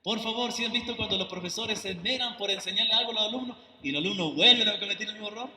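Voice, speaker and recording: Chilean missionary preacher, male, high piercing voice, earnest and pleading, sermon in a hall. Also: rapid-fire. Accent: Chilean Spanish. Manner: earnest, pleading, asks "do I make myself understood?"; emotional, rises to forceful rebuke. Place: church sanctuary. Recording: echoey hall, voice from far off.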